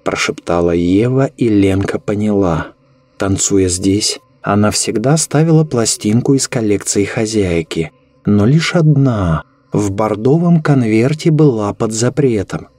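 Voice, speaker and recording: A man narrating a horror story in a measured, ominous way. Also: fairly low pitch, mellow, dry recording.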